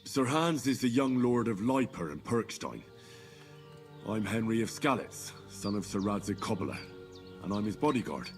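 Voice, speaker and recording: Earnest young bodyguard in a medieval game: direct, courteous, very animated, over music. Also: male voice, fairly low pitch, moderate pace. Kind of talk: video game voice acting.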